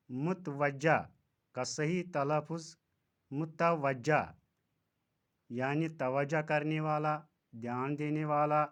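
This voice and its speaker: A man's voice: fairly high pitch, fairly bright tone, smooth. A man teaching correct Urdu pronunciation, carefully stressing each corrected word as he explains its meaning. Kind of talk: slow, deliberate pronunciation lesson.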